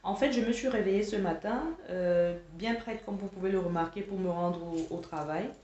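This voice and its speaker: Speaking at a moderate pace in a warm, mid-range voice, a woman who works as an online coach recounts a personal anecdote to camera, including dialogue. She sounds exasperated and emphatic, often repeating words while searching for phrasing. The room is echoey and the lo-fi sound slightly dull.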